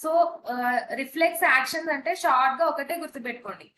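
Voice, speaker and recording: A woman's voice: high voice, very fast, sharp tone, reverberant, a little hiss or hum, rough recording. A woman with a Telugu accent teaching a pharmacy exam-prep lesson, switching between Telugu and English and repeating key points. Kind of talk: online exam-prep lecture.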